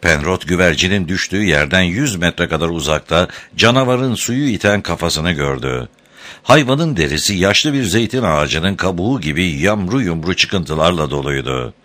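A man narrating an audiobook chapter in an expressive, dramatic reading style. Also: low-pitched, normal speed. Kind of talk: scripted narration.

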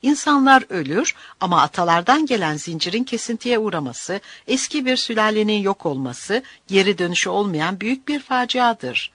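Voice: mid-range voice, sing-song, normal speed, hardly any pauses, a bit bright, husky, no echo, voice pushed up. A narrator voicing Luigi, an older, cruel male village elder who speaks in a commanding, scornful way, in an audiobook.

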